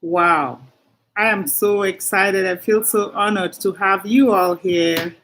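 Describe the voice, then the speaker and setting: A woman hosting a live stream, warmly greeting viewers one by one by name. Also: mid-range voice, slow pace, slight background noise. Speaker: livestream host. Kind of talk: casual livestream greeting.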